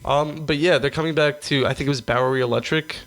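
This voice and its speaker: A man's voice: on the high side, fairly even intonation, fast talker, a bit bright. A young man co-hosting a podcast, telling rambling stories in casual chat and swearing freely. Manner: rambling, profane storytelling. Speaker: podcast co-host.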